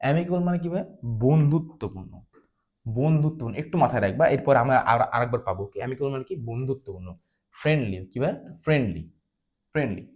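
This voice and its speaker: A man's voice: medium pitch, lively intonation, fast talker, narrow, tinny audio. A man teaching a vocabulary class, who keeps asking questions and answering them himself, repeating words for drilling. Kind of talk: online class lecture.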